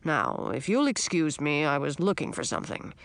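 A woman voicing an ancient male dragon king, huge, proud and absent-minded, with a slow, self-assured way of speaking. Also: low-pitched, sing-song, dry recording, voice pushed down. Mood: stubborn.

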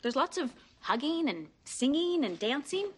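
A woman's voice: sits high, very animated, moderate pace. An actress playing an offbeat, devoted sitcom woman, earnest and quirkily playful. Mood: tender, playful. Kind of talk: sitcom acting, heartfelt comic speech.

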